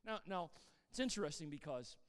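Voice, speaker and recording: High-voiced animated male preacher in a hall. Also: fairly quick. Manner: animated preaching, swings between shouting emphasis and quiet asides. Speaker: pastor. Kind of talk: sermon.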